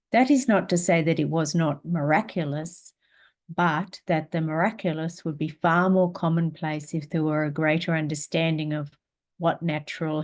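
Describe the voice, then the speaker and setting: A woman teaching a spiritual class, guiding a meditation in a slow, calm, gentle way and reading aloud. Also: low-pitched.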